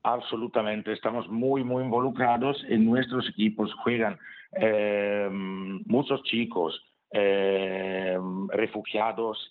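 Halting Italian-accented man on a phone-like line. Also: lowish voice, steady tone, slight background noise. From Italy, Bergamo area. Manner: hesitant, halting, searching for words. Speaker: member of an amateur football club, interview guest. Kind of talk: interview answers in a non-native language. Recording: tinny narrow phone-like line.

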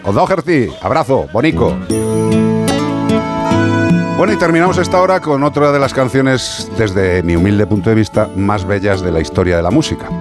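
A man's voice: fairly low pitch, lively intonation, moderate pace, loud music behind the voice. A man hosting a radio show, bantering casually in a chummy, slangy way. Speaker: radio host.

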